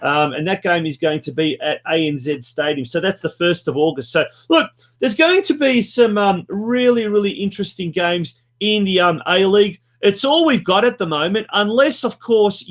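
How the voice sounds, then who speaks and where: Male sports show host, high voice, upbeat, stop-start casual presenting. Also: a bit bright.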